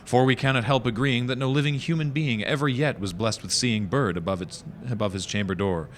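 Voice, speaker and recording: A man's voice: mid-range voice, fairly quick, a little hiss or hum. A man giving a dramatic poetry reading with the hammy, declamatory delivery of a stage actor.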